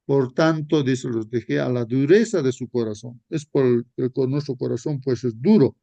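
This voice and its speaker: A man leading a Sabbath school Bible study, slow and repetitive, often calling his listeners brothers. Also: medium pitch, gravelly, warm tone, no room sound, muffled recording.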